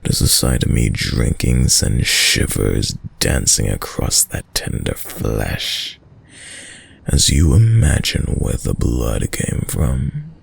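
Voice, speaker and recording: Playing a smooth, predatory vampire lord in an intimate audio roleplay, this man uses a full character voice that is very deep and gravelly, sing-song and slow. He draws out his words with courtly seduction, sounding menacing and sly.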